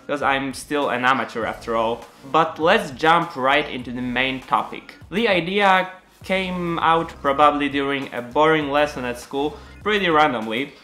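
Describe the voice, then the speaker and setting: Narrating the making of his animation in a casual way, a young animator and channel creator from Poland speaks earnestly with a Polish accent. His voice is a little high with a sharp tone, and he speaks his second language with slight hesitations and frequent fillers.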